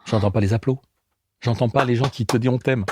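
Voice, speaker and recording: A man in his sixties, a comedian and guest, telling animated anecdotes in casual chat and acting out the people he quotes. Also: medium pitch, rapid-fire, noisy background. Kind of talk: casual storytelling.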